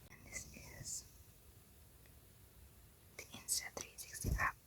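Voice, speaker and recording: Young woman, whispered role-play unboxing, soft and hushed, close phone mic. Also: slow.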